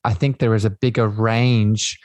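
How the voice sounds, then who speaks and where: This male podcast host has a lowish, unhurried voice with little pitch movement and a darkish tone, recorded without echo. His spiritual conversation is reflective, and he often ends his points with "right?".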